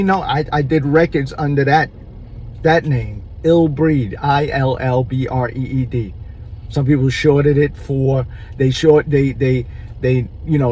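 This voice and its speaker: Slow-talking man musing in his car. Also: mid-range voice, slight background noise, low-quality recording. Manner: animated, drawn-out, rhetorical asides with "right?"; chewing gum. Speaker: vlogger. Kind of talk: casual monologue vlog.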